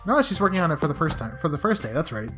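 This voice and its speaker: A young woman with a low, slightly scratchy voice chats through a video game as host. Her delivery is playful and lively in pitch, with soft game music behind her. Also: fairly quick. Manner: playful, chatty, talks to game characters. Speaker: let's play host. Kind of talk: casual game commentary.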